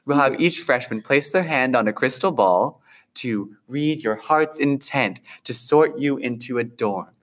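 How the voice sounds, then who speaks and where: A man voicing a female vice principal making quick, official announcements. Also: mid-range voice, lively intonation, natural voice.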